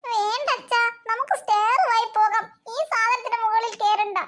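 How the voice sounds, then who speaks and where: A woman's voice: extremely high pitch, fairly even intonation, normal speed, fairly bright tone. A woman doing a whiny, scared little cartoon girl. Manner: whining, pleading. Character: timid whiny little girl, afraid of escalators. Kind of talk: cartoon voice acting.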